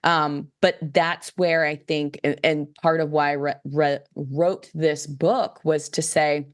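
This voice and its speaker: A woman's voice: low-pitched, takes it slowly. A woman guest on a podcast, a children's book author chatting casually and acting out quoted voices, with lots of "like" and "you know.". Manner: animated, acts out quoted voices, many "like, you know" fillers.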